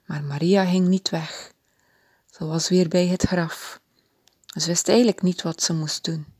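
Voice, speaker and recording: A woman reading a children's Bible story aloud in a gentle, expressive way. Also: on the low side, husky, dry recording, clean studio sound.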